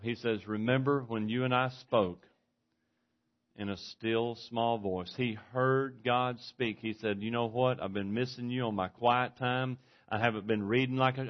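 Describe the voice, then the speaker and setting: An earnest man preaching a sermon, his voice at an ordinary middle pitch. He swings from forceful emphasis to near-hushed delivery. The recording is dull and lo-fi. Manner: earnest, varies volume widely, from forceful to hushed.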